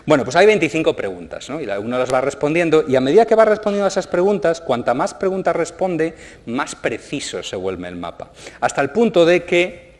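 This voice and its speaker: A man giving a seminar lecture, peppering his sentences with tag questions and acting out quoted questions with lively emphasis. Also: mid-range voice. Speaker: conference speaker. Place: large conference hall. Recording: long reverb of a lecture hall.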